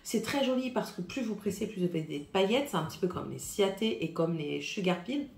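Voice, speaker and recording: A woman from France talks through her makeup favorites to camera in a loose, rambling way, full of little hesitations. Her voice has a slight husky roughness, and the sound bounces around an echoey room. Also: lowish voice, a little mellow, a little hiss or hum. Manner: chatty, hesitant, many fillers, shows products. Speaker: beauty vlogger. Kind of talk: casual makeup review to camera.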